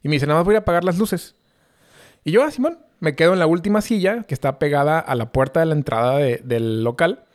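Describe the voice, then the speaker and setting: Young Mexican guy, casual slangy storyteller, slightly high voice. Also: fast talker. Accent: Mexican Spanish. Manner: slangy, rambling, many fillers. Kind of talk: casual chat.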